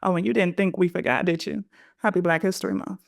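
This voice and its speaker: A woman's voice: on the low side, expressive, fast, creaky, no room sound. Dry-voiced woman podcast host. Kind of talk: scripted introduction then interview questions.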